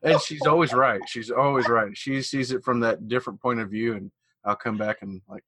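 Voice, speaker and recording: A man's voice: mid-range voice, steady tone, moderate pace, pushed and bright, slightly rough, no room sound. Male podcast host, Missouri twang, effusive casual chat, dry close sound.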